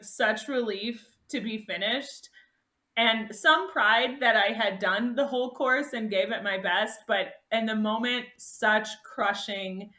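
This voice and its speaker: A woman guest on a podcast, telling her race story in a casual, animated way and laughing often. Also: a little high, echoey room. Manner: animated, laughs often, voice rises sharply when reliving moments.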